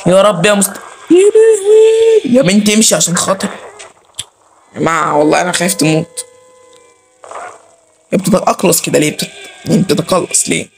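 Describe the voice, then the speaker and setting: A man's voice: on the high side, fairly even intonation, quick pace, gravelly, long pauses, a little hiss or hum. A man with an Egyptian accent hosting a let's play, chattering nervously to viewers and pleading with the game character. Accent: Egyptian Arabic. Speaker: gaming channel host.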